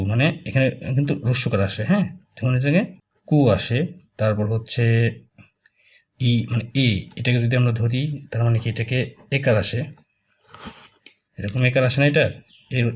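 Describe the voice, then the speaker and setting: Man teaching slowly with fillers. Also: mid-range voice, a little mellow, breathy edge. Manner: slow, repetitive, with many fillers while drawing strokes. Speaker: Japanese language teacher. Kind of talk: casual spoken lesson, explaining while writing.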